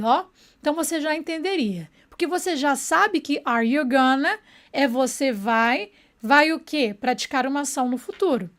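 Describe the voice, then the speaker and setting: A woman with a high, bright speaking pitch gives an online English lesson in speech. She keeps checking in with her listeners and slows down whenever she models an English phrase. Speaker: English teacher.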